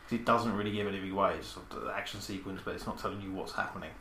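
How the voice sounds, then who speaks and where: A man's voice: low-pitched, steady tone, very fast, pushed and bright. A man co-hosting a podcast, laid-back, chiming in with short comments. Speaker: podcast co-host. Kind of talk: casual chat about films. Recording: roomy echo from off-mic, faint hiss.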